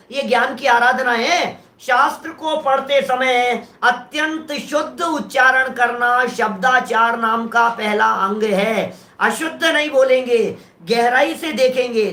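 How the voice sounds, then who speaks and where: Slow, bright-voiced male scripture teacher. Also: very high voice, reverberant. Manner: explanatory, poses rhetorical questions to the audience. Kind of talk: scriptural lecture.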